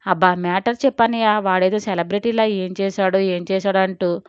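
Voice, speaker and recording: A woman's voice: fairly high pitch, fairly even intonation, moderate pace, a little mellow, smooth, dry recording, highs cut off, close to an everyday voice. A woman voicing a bitter, scornful middle-aged woman who talks curtly and irritably. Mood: irritated. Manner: irritable, curt.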